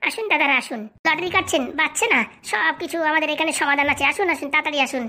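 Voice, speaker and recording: Cartoon swindler guru, male, bossy and scolding, very high and rapid, as a woman plays him. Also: sharp tone. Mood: scheming. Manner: bossy, fast-talking, scolding. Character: scheming young male con man posing as holy fortune-teller. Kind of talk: comic cartoon voice acting.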